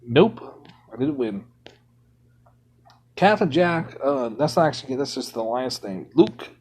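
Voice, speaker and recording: A man's voice: mid-range voice, sing-song, measured pace, a little mellow, husky. A man streaming a game from home, ranting indignantly in casual commentary.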